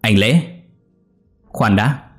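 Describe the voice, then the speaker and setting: A man's voice: on the low side, drawn-out words, soft background music. A man voicing a scheming young maid who mocks her former sweetheart. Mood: mocking. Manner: mocking, clear ringing voice.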